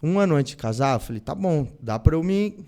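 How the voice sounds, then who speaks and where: A young Brazilian man tells a long personal story as a podcast guest, acting out every quoted line in an animated, conversational way. His voice sits a little high for a man but has a mellow, warm color. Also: a little fast. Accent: Brazilian Portuguese. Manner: animated, acts out quoted dialogue. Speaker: podcast guest, band musician. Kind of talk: casual storytelling interview.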